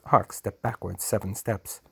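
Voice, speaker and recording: A man narrating a storybook chapter in a measured, dramatic reading. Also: fairly low pitch, steady tone, vocal fry, slightly rough, dry recording. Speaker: audiobook narrator.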